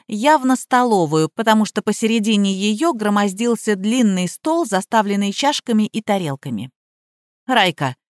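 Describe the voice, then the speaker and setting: A woman narrating a first-person audiobook in a measured, even storytelling manner. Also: medium pitch, no echo, studio quality.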